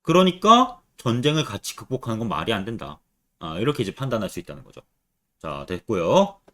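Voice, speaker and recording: Male exam-prep lecturer, lively pitch. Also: fairly quick. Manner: quizzes students with rhetorical questions. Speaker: Korean literature teacher.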